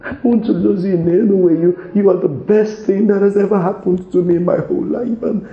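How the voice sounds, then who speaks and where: Here a fairly high, animated male voice speaks slowly, pleading and apologetic, as an actor portrays a remorseful man asking his partner to forgive him in a relationship skit. The audio is dull, recorded in an echoey room where faint music plays.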